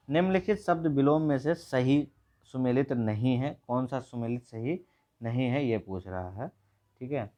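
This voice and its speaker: Brisk man teaching grammar. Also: medium pitch, a little mellow. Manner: brisk, repeats each word and asks the viewer. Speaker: Hindi teacher. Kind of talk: exam revision lesson.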